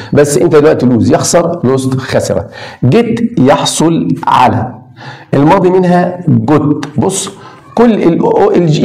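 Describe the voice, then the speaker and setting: An Egyptian man teaches a beginner lesson, drilling each word with slow repetition. His voice sits a little high, with a mellow, warm tone. The room around him is echoey. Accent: Egyptian Arabic. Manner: repeats words slowly, drilling. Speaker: English teacher.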